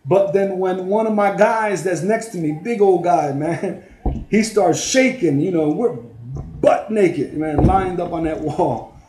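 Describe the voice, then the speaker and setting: A man's voice: sits high, unhurried, warm tone. A middle-aged man, a former prisoner, giving a casual personal testimony, full of "you know" and "man". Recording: roomy, echoey sound.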